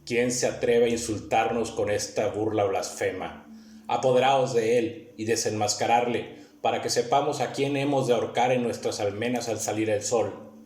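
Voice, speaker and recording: A man voicing a furious, imperious prince who shouts commands in outrage, heard in a roomy recording. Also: mid-range voice, steady tone, normal speed, voice pushed up, close to an everyday voice. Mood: outraged. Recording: roomy recording with faint hiss.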